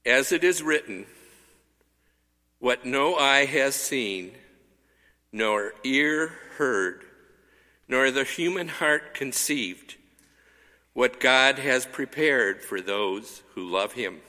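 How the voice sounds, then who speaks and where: Man, lector, slow measured reading, bright tone, cathedral echo, large church reverb. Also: medium pitch, lively intonation. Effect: cathedral echo, long church reverb. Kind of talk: liturgical scripture reading.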